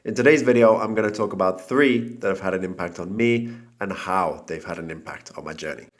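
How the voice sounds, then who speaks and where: Lowish man with a cold. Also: brisk, a little hiss or hum. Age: young adult. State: has a cold. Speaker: finance YouTuber. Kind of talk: casual talking-head vlog.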